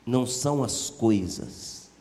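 A man's voice: medium pitch, lively intonation, slow, a little mellow. A man preaching a sermon in a church auditorium, conversational and storytelling, asking rhetorical questions. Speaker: pastor. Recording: echoey church hall.

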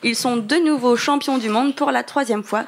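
A young woman hosting a casual podcast, reading news items in a chatty way with quick asides and giggles. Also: fairly high pitch, vocal fry. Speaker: podcast host.

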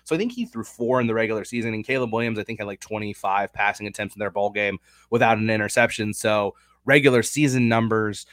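A young man with a fairly low voice talks through sports betting odds in a casual, analytical way. The sound is dry and close. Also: quick pace, a bit bright, dry recording. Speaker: sports betting podcast host.

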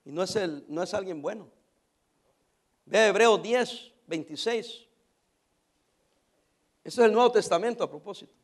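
A man's voice: high voice, measured pace, pauses often. A male pastor preaching an emphatic sermon, asking the congregation questions and dropping in English phrases.

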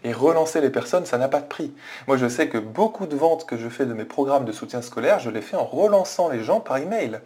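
A man's voice: medium pitch, lively intonation, fairly quick, warm tone. A man narrates a screen-share review of a web page. He explains things in a hesitant way, with plenty of fillers and restarts, and he often turns to his viewers to ask them directly. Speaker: online business coach. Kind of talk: screen-share walkthrough commentary.

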